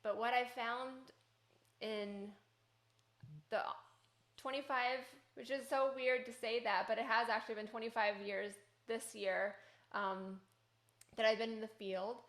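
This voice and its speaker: A woman's voice: mid-range voice, a bit bright, roomy sound. A woman hosting a podcast, asking questions in an encouraging, engaged way. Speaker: podcast host. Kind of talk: podcast interview.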